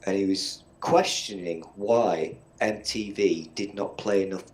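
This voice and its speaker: This middle-aged man from Northern England co-hosts a podcast, his deep voice unhurried as he chats casually. He's blunt, swears freely, and rambles his way through stories.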